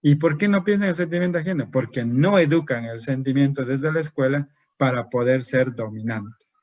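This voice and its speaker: A man's voice: medium pitch, moderate pace, a little mellow. A man lecturing a room of teachers, posing questions and then answering them himself. His voice sits in a middle range for a man. The recording is dull and somewhat lo-fi, with a dry sound and no room echo. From Peru. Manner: asks and answers his own rhetorical questions. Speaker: teacher trainer.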